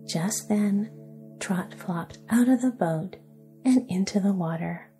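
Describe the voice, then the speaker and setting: A woman narrating a sleep story in a soft, hushed, soothing whisper. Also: medium pitch, slow, faint music behind.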